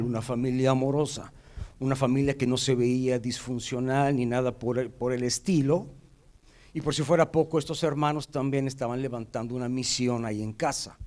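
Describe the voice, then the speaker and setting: A man's voice: mid-range voice, darkish tone, rough recording. A man preaching a sermon in a church, telling a story with vivid drama. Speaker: pastor.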